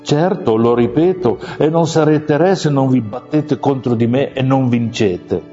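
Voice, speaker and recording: A man's voice: medium pitch, unhurried, dark tone, natural voice. A man voicing a tiny, bold male gnat who talks back indignantly in a storybook tale. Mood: cocky. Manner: indignant, cocky. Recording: long reverb, muffled, faint music.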